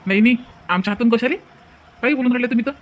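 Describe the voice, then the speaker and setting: A man's voice: very high-pitched, racing, muffled recording. A man voicing a humble, earnest village man in a cartoon. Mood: insistent.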